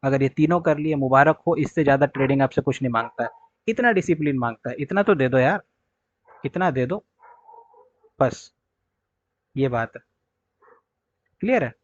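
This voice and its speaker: A man's voice: mid-range voice, normal speed, pauses often. A young man gives a direct, scolding lecture on trading discipline. He keeps checking that his listeners follow. His voice sounds dull and lo-fi, with no room echo. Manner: scolding, direct, repeats "clear?" and "okay". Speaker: trading teacher. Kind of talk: blunt lecture to viewers.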